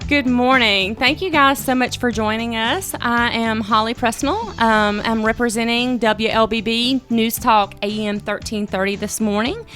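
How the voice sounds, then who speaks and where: A woman's voice: on the high side, steady tone, measured pace, few pauses, a bit bright, soft background music. A woman from Georgia hosting a casual radio interview, chatty and upbeat, with some fillers. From Georgia, USA. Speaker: radio host.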